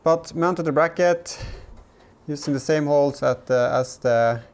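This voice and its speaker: A car DIY vlogger in his thirties thinks aloud as he works in a garage workshop and inside the back of a car, his commentary casual and hesitant. He speaks a little slowly in a fairly high, darkish, clean voice.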